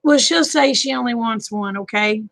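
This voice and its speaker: A woman's voice: a little high, moderate pace, creaky, fairly bright tone, no echo, low-quality recording. A woman in her fifties, hosting a live chat stream and talking casually with viewers in a folksy, talkative way, often chuckling. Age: 50s.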